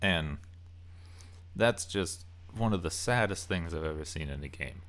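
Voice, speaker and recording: A man who hosts a video channel rants casually about game movies, thinking aloud off the cuff in broken phrases. His deep voice is a bit bright, with lively intonation and a slightly slow pace.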